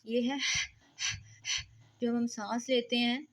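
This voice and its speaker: A woman's voice: a little high, fairly even intonation, takes it slowly. A woman teaching beginners to read Quranic letters, patiently drawing out each sound. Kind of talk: recitation lesson for beginners.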